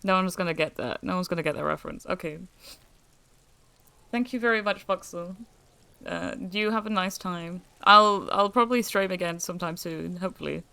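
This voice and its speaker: A young British woman streaming a game, chatting casually and reading out her character's lines, with plenty of pauses and fillers. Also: fairly low pitch, vocal fry, bright, forceful tone, smooth, no echo. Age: young adult. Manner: chatty, reads player lines aloud, hesitant with fillers.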